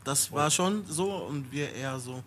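A man's voice: medium pitch, measured pace, a bit bright. Chatty rapper man with faint hiss. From Stuttgart area, Germany. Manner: loose and chatty, leans on "you know" tags. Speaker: rapper guest. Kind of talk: casual podcast conversation.

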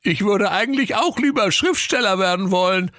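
A squeaky, excited octopus. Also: male voice, normal speed, dry recording, clean studio sound. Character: squeaky male octopus with writer dreams.

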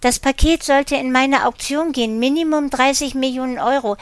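A woman's voice: high-pitched, moderate pace, no echo, pitched above the performer's own voice, natural voice. A woman voicing a whiny, cornered older male art dealer in an audiobook reading, pleading and spiteful. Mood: whining.

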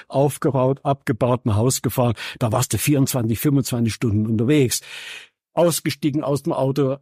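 A Saxon man in his seventies, a veteran radio journalist and musician, appears as an interview guest sharing casual anecdotes. His voice is medium-pitched and darkish, captured in studio quality with no echo. He talks in a colloquial, wry, plain-spoken way.

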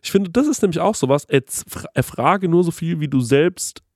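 A man with a fairly high voice, telling a story in an animated rant and swearing freely. He sounds like he's hosting a relaxed chat. The recording is dry and close, with no room sound. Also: moderate pace, no echo. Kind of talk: casual chat.

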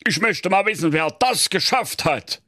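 A man's voice: sits high, expressive, unhurried, pushed and bright, dry recording, studio quality, pitched above the performer's own voice, exaggerated voice. A man doing a crude jovial Saxon king. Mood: amazed. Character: crude blustering old king, easygoing.

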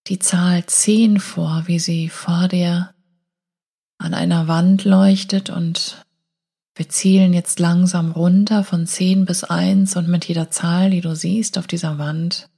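A woman guiding a hypnotic meditation in a slow, soothing hypnotist voice, breathy and often falling near a whisper, with long pauses. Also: on the low side, dark tone. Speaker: meditation guide and show host.

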